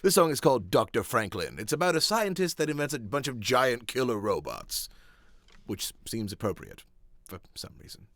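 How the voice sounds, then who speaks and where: A man hosting a casual music live stream, talking in a halting, light-hearted, self-deprecating way. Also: mid-range voice, big pitch swings.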